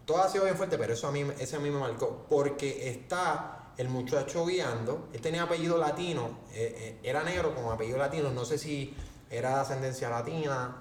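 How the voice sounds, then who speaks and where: A man with a Puerto Rican accent hosting a casual podcast, telling stories with lively quoted voices. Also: mid-range voice, a little fast, far from the mic. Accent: Puerto Rican Spanish. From Puerto Rico. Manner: animated storytelling, acts out quotes in raised voice. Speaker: podcast host. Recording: echoey room, faint background noise.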